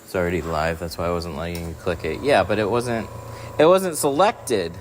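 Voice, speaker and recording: A deep-voiced man talks at normal speed over background noise, hosting a casual livestream. He's a window tint installer, answering viewer questions as he tints a truck in a workshop.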